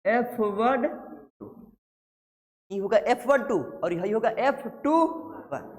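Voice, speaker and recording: High-voiced teacher in an echoing hall. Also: male voice, slow. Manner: quizzes the class constantly, repeating questions and answering them himself. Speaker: physics teacher. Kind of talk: classroom lecture. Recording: long hall reverb.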